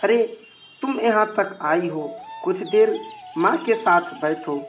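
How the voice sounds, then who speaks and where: Calm young husband, narrator doing him, slow, plain storybook tone. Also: medium pitch, faint music behind, close to an everyday voice. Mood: coaxing. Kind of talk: devotional storytelling.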